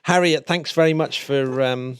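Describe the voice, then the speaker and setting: A man's voice: on the high side, unhurried, clear, resonant tone. Chatty upbeat podcast host guy. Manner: upbeat, chatty, laughs often. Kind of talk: casual chat.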